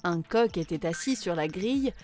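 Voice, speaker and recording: A woman narrating a children's fairy tale in a clear, measured way. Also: lowish voice, lively intonation, darkish tone, soft background music.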